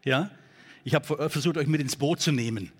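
A man preaching a sermon in a church, talking in a conversational, halting way with many fillers. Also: a little high, slightly rough. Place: church hall.

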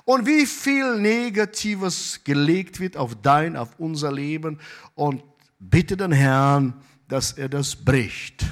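A pastor preaching a sermon, moving between loud, emphatic exclamations and quiet asides. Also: male voice, fairly high pitch, lively intonation, slow.

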